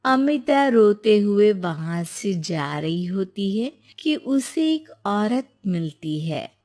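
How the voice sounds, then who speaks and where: A woman's voice: mid-range voice, very animated, takes it slowly, darkish tone. A woman narrating a scripted moral story as a storyteller.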